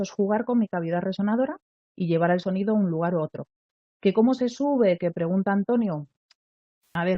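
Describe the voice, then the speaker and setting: A woman's voice: mid-range voice, dry recording. Lady voice coach teaching online, keeps asking "ok?", dry dull mic. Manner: explanatory, checks in with listeners often. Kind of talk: live online voice lesson.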